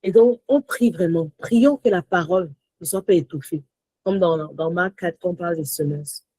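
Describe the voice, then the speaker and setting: A woman teaching a Bible study in a lively, animated way, mixing in English phrases, sometimes near-shouting with joy, then dropping low and soft. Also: normal speed, no room sound, low-quality recording. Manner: rises to joyful near-shouts, drops to soft low asides.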